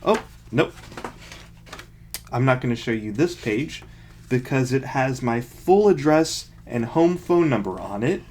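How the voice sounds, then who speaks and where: A man's voice: medium pitch, lively intonation, a little slow, darkish tone, slight background noise. A young adult man casually reading aloud and commenting in a mocking, self-deprecating way, with dry, sarcastic asides. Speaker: vlogger.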